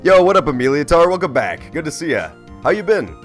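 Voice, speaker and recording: A man with a lively, swinging delivery hosts a casual game stream. He rambles playfully and swears freely, with faint music underneath. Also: a little high, brisk. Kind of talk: casual live-stream chat with gameplay commentary.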